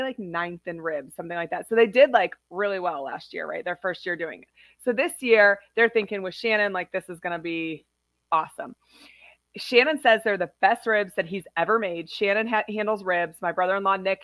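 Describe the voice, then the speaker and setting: A woman podcast host chats casually in a hoarse, raspy voice, as if she has lost it to a cold. She tells stories in an easy, talkative way, and the sound is dry and close. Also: medium pitch, a bit bright, no room sound. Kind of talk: casual chat.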